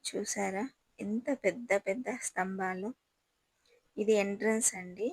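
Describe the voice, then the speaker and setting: A woman's voice: mid-range voice, steady tone, a little slow, darkish tone, slightly rough, no room sound, low-quality recording. A woman gives a chatty, admiring guided tour and talks straight to her viewers. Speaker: travel vlogger touring a palace. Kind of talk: casual guided tour narration.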